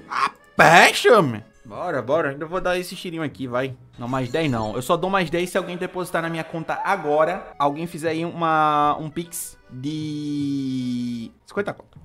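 A young Brazilian man in early adulthood, speaking with a Brazilian Portuguese accent and a fairly high voice, excitedly narrates his own gacha pulls on a live stream. He pleads before each result and groans when it lands.

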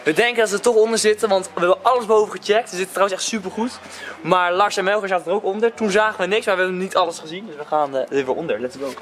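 An excited young man chatting casually for a vlog, often repeating his words, recorded on a handheld camera. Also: sits high, racing. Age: young adult. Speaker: vlogger playing seeker in hide and seek. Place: large dark indoor trampoline park. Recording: noisy handheld camera audio, clicks.

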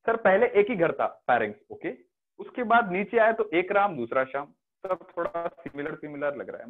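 Indian guy teaching biology online, keeps asking "right? theek hai?", phone-line sound. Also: high voice. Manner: mixes Hindi and English, asks students checking questions. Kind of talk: online class lecture. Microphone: video call. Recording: phone-like online class audio.

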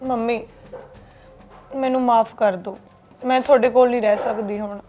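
A woman playing a young deserted wife who speaks gently and with sorrow. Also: a little high, fairly even intonation, normal speed, faint music behind, close to an everyday voice. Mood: sorrowful. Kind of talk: family drama acting.

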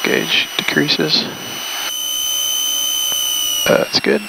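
A man flying a small plane, calmly calling out checks and radio calls through his pilot's headset in the cockpit. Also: very slow. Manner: calm, matter-of-fact checklist callouts. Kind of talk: talking through a flight while flying. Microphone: pilot's headset mic. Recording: loud engine noise in the cockpit.

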